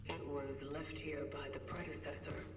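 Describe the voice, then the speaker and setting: An actor voicing a game protagonist through a metallic robot filter, speaking in flat, slow, matter-of-fact reports. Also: mid-range voice. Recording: distant, roomy game audio with music. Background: game music.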